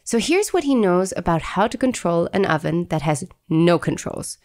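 A woman's voice: on the low side, sing-song, moderate pace, darkish tone. A woman hosting a podcast, chatting in a playful, casual way. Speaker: podcast host.

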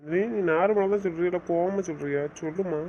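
A young man speaking softly to his wife in a coaxing, gently teasing way. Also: sits high, fast, a little hiss or hum. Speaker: husband in a couple's chat. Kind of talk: casual couple banter. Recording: muffled lo-fi recording.

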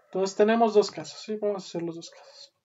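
A woman's voice: mid-range voice, fairly even intonation, fast, dark tone. A woman teaching a programming class, explaining step by step and often checking in with "¿sí?". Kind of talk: screen-recorded coding lesson. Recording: dull lo-fi audio with clear background noise and keyboard typing.

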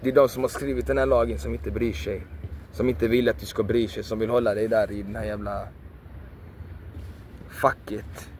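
A man's voice: fairly low pitch, flat delivery, pauses often, a little mellow, slight background noise. Emphatic man preaching outdoors. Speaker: video creator. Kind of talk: passionate motivational monologue.

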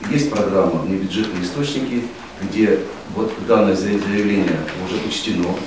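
Middle-aged official guy, lowish voice, businesslike with lots of uh's, far off in echoey office. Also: moderate pace. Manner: businesslike, with frequent fillers. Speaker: district official. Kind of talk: formal reception conversation. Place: office reception room, indoors. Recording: echoey office room from afar, noisy.

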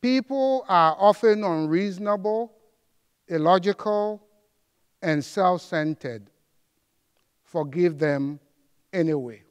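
A middle-aged man giving a formal commencement address on an auditorium stage, reciting with slow, measured pauses. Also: high-pitched, animated, clear, resonant tone. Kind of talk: formal ceremonial speech. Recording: long hall reverb.

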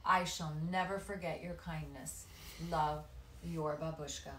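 A woman voicing a loving old grandmother's farewell note, tender, soft and slow. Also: sits low, steady tone, slight background noise, pitched below the performer's own voice. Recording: echoey room.

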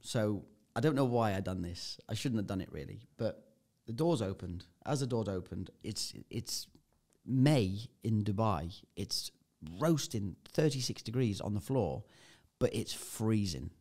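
A man's voice: lowish voice, lively intonation, normal speed, hardly any pauses, dark tone. A man, a podcast guest, telling a vivid anecdote in casual chat and swearing freely. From United Kingdom.

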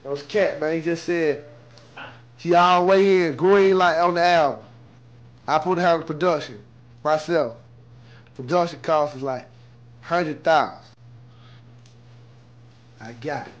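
A man's voice: a little high, a little slow, pauses often, muffled recording. A young man, a rapper, chatting casually on camera indoors. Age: young adult. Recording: music over handheld home-video audio. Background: music.

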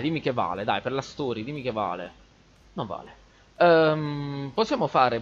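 Excitable man narrating his gameplay. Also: mid-range voice, dull audio, slight background noise. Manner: excitable, swearing, chatting to viewers. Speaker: gaming channel host. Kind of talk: live gameplay commentary.

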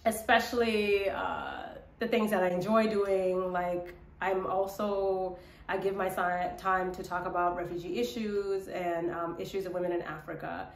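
This personal vlog features a young woman with a fairly low pitch and flat, unhurried delivery, musing casually to camera. There's slight background noise, and the small room by a window gives an echoey sound. A young adult vlogger, model and actress, she was born in Ethiopia to South Sudanese parents and grew up in Minnesota, United States.

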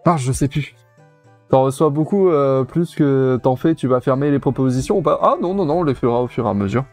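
A man's voice: mid-range voice, fairly quick, darkish tone, soft background music. A man giving casual, chatty commentary while streaming a video game, repeating himself and using many fillers. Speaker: let's play streamer.

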